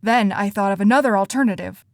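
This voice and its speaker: A woman voicing an earnest, anxious teenage boy who talks eagerly in rushes, in an audiobook. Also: medium pitch, dry recording, natural voice.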